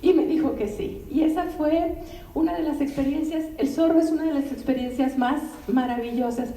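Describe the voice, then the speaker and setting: An older woman, a literary translator giving an animated, conversational talk and often turning to the audience with asides. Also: high-pitched, normal speed. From Mexico. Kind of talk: anecdotal public talk. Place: bookstore event room. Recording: roomy, distant, faint ambient noise.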